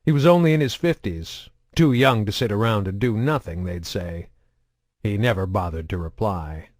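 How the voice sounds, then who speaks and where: A man narrating a science fiction novel in a steady, measured reading style. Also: on the low side, dry recording, studio quality. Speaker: audiobook narrator. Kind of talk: audiobook narration.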